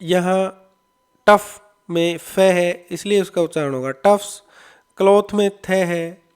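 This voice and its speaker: A man, teaching an English lesson to schoolchildren and patiently repeating words slowly. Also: sits high, steady tone, clean tone. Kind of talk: explaining an English lesson in Hindi.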